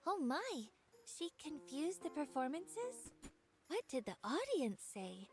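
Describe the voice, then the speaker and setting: Game VO: a cheerful young woman shopkeeper, high, lively and curious. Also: takes it slowly, exaggerated voice. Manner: curious, expressive reactions. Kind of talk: voiced game dialogue.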